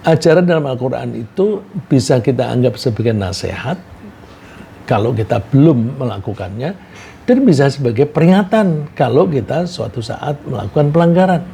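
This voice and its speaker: A man preaching a sermon, telling a cautionary story in a measured way and posing rhetorical questions. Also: mid-range voice, creaky, dark tone, a little hiss or hum.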